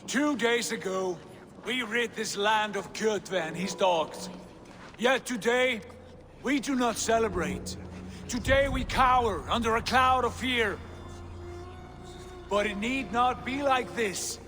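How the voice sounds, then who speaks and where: A proud Viking prince, pitched high and declaiming with formal authority. His voice rings in a long hall reverb with faint music behind it. He sounds fiery and born to lead a clan. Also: takes it slowly, pushed and bright, full character voice. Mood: rousing, defiant. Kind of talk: dramatic video game cutscene oratory.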